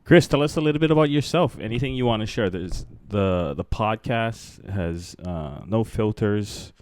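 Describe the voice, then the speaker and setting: Laid-back low-voiced podcast host. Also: male voice, lively intonation, moderate pace, darkish tone, no echo. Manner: laid-back, with many fillers. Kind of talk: casual interview chat.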